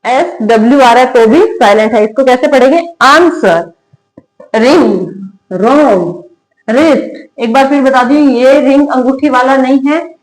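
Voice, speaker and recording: Woman drilling spelling rules, higher voice. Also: fairly even intonation, a little fast, darkish tone, poor audio. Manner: repetitive call-and-response drilling, asking and answering her own questions. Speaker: English teacher. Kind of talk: spoken English lesson in Hindi.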